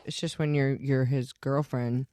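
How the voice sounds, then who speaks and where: A podcast host in a casual chat, teasing the guest with playful, animated reactions. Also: mid-range voice, unhurried, a little hiss or hum.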